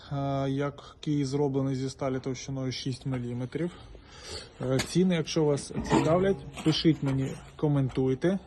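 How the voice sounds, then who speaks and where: A man's voice: medium pitch, a little mellow, slight background noise. A man giving an informal product walkthrough, addressing viewers directly, with frequent hesitations. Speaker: salesman presenting a boiler.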